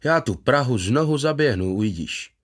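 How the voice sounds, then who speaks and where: A man voicing a gentle, contented former footballer in his fifties, who talks eagerly and proudly about his past. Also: medium pitch, expressive, natural voice. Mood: earnest. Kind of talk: voiced character in a read story.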